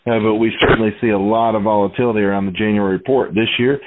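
A man's voice: lowish voice, steady tone, quick pace, noisy background. A man speaking over the phone as a market analyst guest in a casual interview, rambling with plenty of "you know" and "uh". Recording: tinny phone line.

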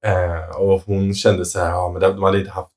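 A man telling a funny story in casual chat. He laughs often and acts out what each person said. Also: sits low. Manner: animated storyteller, quotes others with "jag bara", laughs often.

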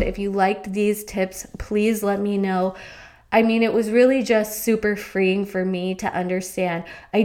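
A woman's voice: mid-range voice, darkish tone. A young adult woman hosting her own podcast, talking in a chatty, rambling, upbeat way into a studio mic. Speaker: podcast host and fitness coach. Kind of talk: casual podcast chat.

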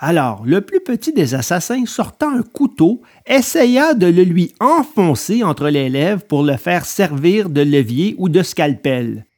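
A man narrating a storybook in an expressive, dramatic way. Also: high-pitched, a little slow, hardly any pauses.

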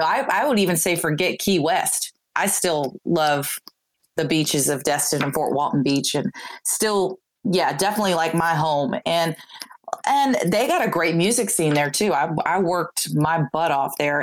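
Low-voiced woman telling a rambling story. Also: slight background noise, rough recording. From Texas. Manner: rambling, with many restarts and fillers. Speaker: guest, singer-songwriter. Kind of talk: casual interview storytelling.

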